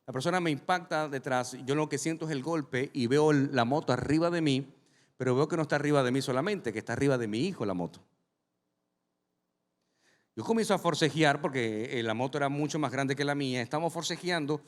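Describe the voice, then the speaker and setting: A man, a pastor, preaching a sermon and telling a personal story, speaking straight to the congregation in a lively way. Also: medium pitch, brisk. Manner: animated, addresses the congregation directly. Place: large church hall with a congregation. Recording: long reverb from a large hall.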